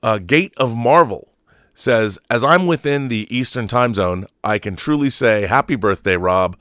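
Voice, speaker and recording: A man in his fifties hosts a casual livestream, commenting and reading out messages in an opinionated, emphatic way and repeating himself for emphasis. His medium-pitched voice is a bit bright, with lively intonation and a measured pace. The sound is clean studio audio with no room sound.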